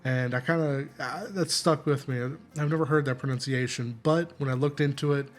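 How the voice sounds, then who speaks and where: A tired man hosting a gameplay video, giving a relaxed, rambling walkthrough and often correcting himself. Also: medium pitch, normal speed, soft background music. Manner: rambling, self-correcting, apologetic.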